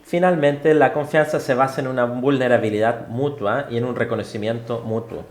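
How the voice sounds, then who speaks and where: Man, lecture interpreter, mid-pitched, hesitant with many fillers, echoey room. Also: steady tone. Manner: halting, with frequent fillers and self-corrections. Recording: roomy hall sound.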